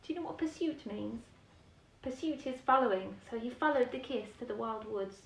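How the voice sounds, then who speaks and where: Reading a children's bedtime picture book, this storyteller has a fairly high, gravelly voice that is animated and moves at normal speed. She performs it expressively, chatting, explaining, and asking the young listeners questions, recorded through a distant mic with roomy echo.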